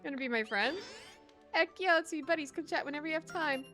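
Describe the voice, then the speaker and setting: A woman's voice: sits high, fast, pushed and bright, soft background music. A woman voicing a small, friendly, sleepy game creature with a laid-back drawl, reading its game dialogue aloud. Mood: easygoing.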